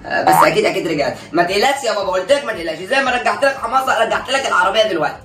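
A man's voice: high-pitched, expressive, very fast. A young man with an Egyptian accent acting in a comedy sketch, cocky and teasing. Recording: roomy sound from far off, music behind.

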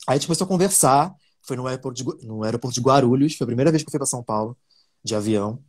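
A man's voice: mid-range voice, very fast, slightly rough. A man from Brazil, an interview guest, telling stories animatedly with many fillers and restarts. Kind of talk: casual interview talk.

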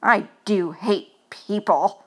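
A woman's voice: medium pitch, slow pace, fairly bright tone. A woman reading aloud, voicing a fussy, complaining male mouse in a picture-book story.

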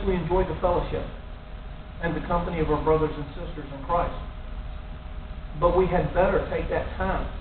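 A middle-aged man giving an earnest sermon in a small church, speaking into a stand mic and building to emphatic warnings. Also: fairly high pitch. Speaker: lay preacher. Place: small church room in front of a cross. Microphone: stand mic near the mouth. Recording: tinny, echoey, distant with faint hiss.

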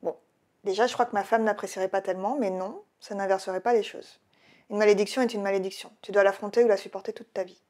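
A woman's voice: medium pitch, steady tone, quick pace, darkish tone, lightly acted. A woman reading the lines of a regretful male shaman in a book reading. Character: adult male shaman, sorry and gentle.

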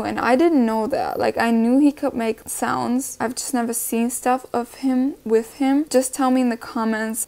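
A young woman talks straight to her viewers in a casual reaction vlog. She is chatty and profane, often teasing herself. Her voice sits a little high and carries a gravelly, creaky edge. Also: a little mellow. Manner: chatty, profane, self-mocking. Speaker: reaction channel host.

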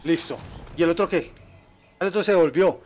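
Streamer man, high voice, excitable live play commentary. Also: moderate pace. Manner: excitable, yelps and laughs at danger, chats with viewers. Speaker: gaming streamer.

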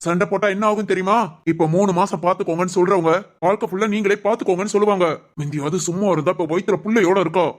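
A stern, bossy cartoon father who keeps scolding his wife and daughter, voiced by a woman. He talks quickly, at an even middle pitch for a woman, with a domineering, lecturing tone. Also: lightly acted. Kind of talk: cartoon family drama voice acting.

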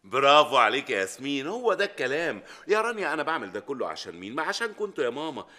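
Rapid-fire wisecracking Egyptian family man. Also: medium pitch, sing-song, bright, forceful tone. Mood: self-important. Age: middle-aged. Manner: wisecracking, emphatic. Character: glib, eager, wisecracking bazaar owner and family man. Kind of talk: TV sitcom acting.

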